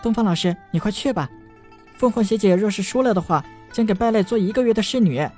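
A flustered young schoolgirl who blurts out bad news in quick, alarmed bursts, voiced by a male narrator. Her voice is raised higher and hurried, a storybook messenger in a panic. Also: darkish tone, soft background music, lightly acted. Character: panicked young female student.

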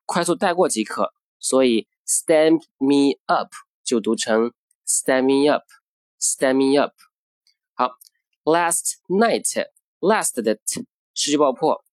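A mid-pitched male teacher explains pronunciation step by step in a methodical lesson. He slows right down to repeat each model phrase with care. The recording is close and dry, with no room sound. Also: no echo.

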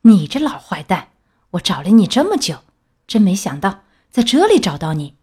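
A woman's voice: medium pitch, big pitch swings, normal speed, warm tone, slightly rough. A woman voicing a bold grown male hunter who speaks bluntly. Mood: stern. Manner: blunt, scolding.

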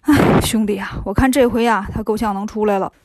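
A woman voicing a cheeky, boastful male monkey king in a storybook reading, joking and brisk. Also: mid-range voice, fairly even intonation, darkish tone, no room sound, studio quality, pitched below the performer's own voice, lightly acted.

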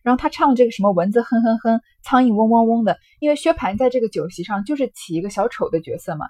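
A woman giving an unhurried lecture on classical fiction, with many fillers. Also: on the high side, mellow, slightly rough, no echo. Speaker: literature lecturer.

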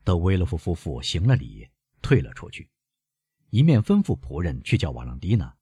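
A man narrating a classic novel as an audiobook in a measured, expressive reading. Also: sits low, husky, no echo, clean studio sound.

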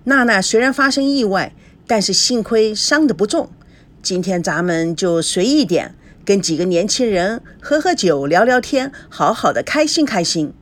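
A woman's voice: mid-range voice, expressive, normal speed, natural voice. Woman voicing a tactful motherly hostess. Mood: gentle. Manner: soothing, tactful. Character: gentle motherly middle-aged woman, the hostess.

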